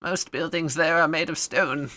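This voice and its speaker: A woman's voice: deep voice, fairly even intonation, normal speed, bright, forceful tone, dry recording. A woman voicing a carefree, eccentric man who loves fire, rambling playfully in a tabletop role-play. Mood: breezy.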